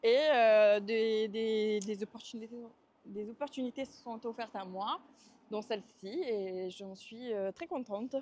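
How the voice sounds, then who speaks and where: A French woman in her twenties from Marseille, with a Marseille accent, answers interview questions while walking, hesitant and full of fillers. Her medium-pitched voice is steady, a little mellow, and measured in pace.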